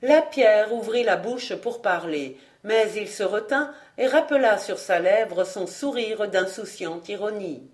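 A woman narrating an audiobook of a classic novel in a steady, measured way. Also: mid-range voice. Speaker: audiobook reader. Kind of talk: storybook narration.

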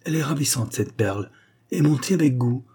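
A man voicing a cheerful, modest young seamstress who teases gently. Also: mid-range voice, lively intonation, a little fast, breathy edge, voice pushed up. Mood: cheerful, scolding.

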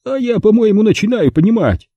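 A man voicing a nervous, bewildered male museum curator in a storybook reading, halting and wide-eyed. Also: high voice, animated, husky, no room sound, dull audio, voice pushed up, full character voice.

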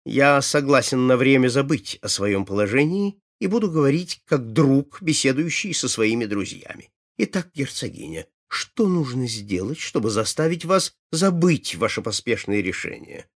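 Haughty, touchy prince of a small court, storybook, husky male reader. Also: mid-range voice, big pitch swings, moderate pace, few pauses. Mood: condescending. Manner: haughty, prone to angry outbursts. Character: vain quick-tempered prince, ruler of a court.

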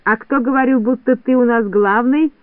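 A man reading an audiobook, voicing a pushy little male shorty who presses and shouts accusations. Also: extremely high pitch, fairly even intonation, normal speed, smooth, no echo, voice pushed up. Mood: accusing. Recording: dry phone-like narrowband audiobook.

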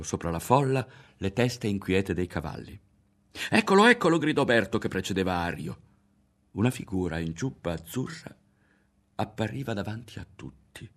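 A man with a very deep, low voice and an Italian accent reads a literary novel aloud. His delivery is measured and expressive, with the care of a trained reader. The pace is steady throughout. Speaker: audiobook narrator. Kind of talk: literary audiobook reading.

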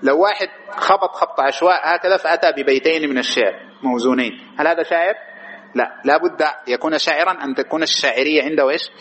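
A male teacher moves quickly through a lesson in a slightly high voice. He keeps putting questions to his students and then answers each one himself before pressing on. A faint background noise sits under the lecture. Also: a bit bright, low-quality recording. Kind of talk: classroom lecture explaining a text.

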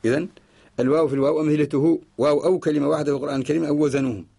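Gravelly Mauritanian man teaching on radio. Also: fairly high pitch, steady tone, warm tone. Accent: Mauritanian Arabic. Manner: explains slowly, repeating each example word by word. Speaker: teacher of Quranic orthography. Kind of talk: radio lesson with recitation. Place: radio studio.

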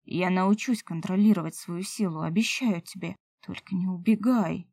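A woman reading an audiobook voices a young male elf lover who pleads softly and earnestly. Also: lowish voice, moderate pace, vocal fry, no echo. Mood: pleading.

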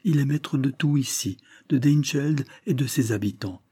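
A man's voice: medium pitch, moderate pace, dark tone, husky, no room sound, studio quality, voice pushed up, lightly acted. A man voicing a flustered, humble male villager who pleads and defends himself. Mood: defensive.

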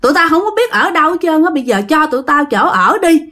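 A woman voicing the restless ghost of a young man, rough and demanding, with a Southern Vietnamese accent. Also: high-pitched, big pitch swings, fast, pushed and bright, voice pushed up, full character voice. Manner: pleading and demanding, rough blunt talk.

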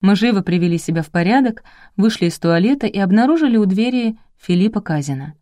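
A woman reading a first-person audiobook in an expressive storytelling manner. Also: mid-range voice, fast talker, no echo, clean studio sound. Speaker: audiobook reader.

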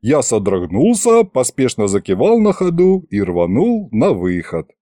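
A man narrates a first-person audiobook in a lively, wry manner. His voice rises and falls expressively with a soft, warm tone. The recording is dry and close. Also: medium pitch, a little slow, no echo.

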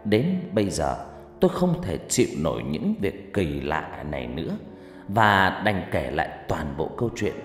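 A dramatic audiobook narrator whose pitch swings lively through the tale, heard in a long echoing reverb. Soft music plays underneath. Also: normal speed. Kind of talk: storytelling narration. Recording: echoey reverb with background music.

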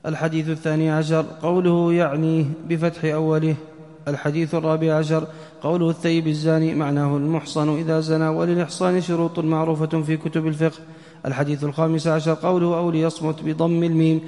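A man with a slightly high, mellow voice reads a text aloud to his teacher. His recitation is rapid, flat and half-chanted. The sound has the long echo of a mosque hall. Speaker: student reading the text aloud.

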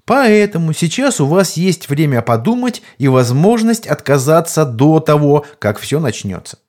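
A weary archmage, voiced by a male narrator explains things gravely, slightly apologetic and glum. His voice sits a little above the narrator's own, and it is a measured storybook reading. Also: a little high, big pitch swings, a little mellow, pitched above the performer's own voice.

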